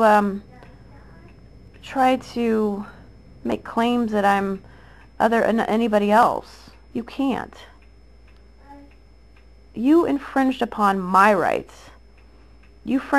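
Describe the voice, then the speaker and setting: In this low-quality recording, a woman in her thirties with a mid-range voice speaks directly to the camera. A mother confronting her accusers, she sounds aggrieved and insistent, repeating herself with frequent restarts and fillers.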